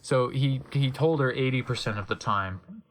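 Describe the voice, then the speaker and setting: A narrator performs a theatrical, comic dramatic reading of fan fiction, pausing now and then for deadpan asides. The voice is medium-pitched and at normal speed.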